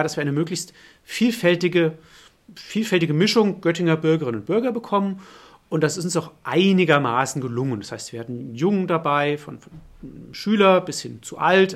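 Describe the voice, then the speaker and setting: A middle-aged man, a political science professor, answering interview questions and thinking aloud with many fillers and restarts. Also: a little high.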